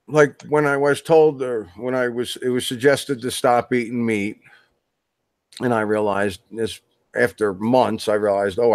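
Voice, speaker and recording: A man's voice: fairly low pitch, dry recording. A man being interviewed as a guest author, talking in a loose, rambling way with many restarts. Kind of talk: casual interview chat.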